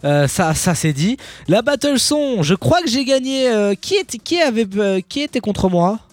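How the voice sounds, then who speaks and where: A man hosting a radio show in lively banter, chatty and teasing, often repeating himself. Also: high voice, normal speed, dry recording.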